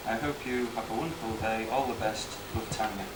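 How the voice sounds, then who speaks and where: A man's voice: on the low side, fairly even intonation, brisk. A man giving an informal, hesitant, self-deprecating best man's speech and reading out greeting cards. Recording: echoey room, distant mic, noisy background.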